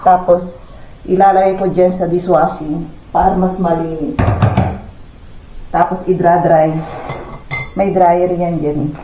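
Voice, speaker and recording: A Pangasinan-accented woman talks through her morning in a rambling, chatty vlog style, with a voice on the lower side. She sounds like she is recording in a home kitchen with a phone. The sound is roomy and a bit dull, with a faint hiss underneath. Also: little pitch movement, unhurried, pauses often. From Philippines, Pangasinan. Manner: chatty and rambling, narrating chores as she goes. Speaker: vlogger. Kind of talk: casual vlog narration.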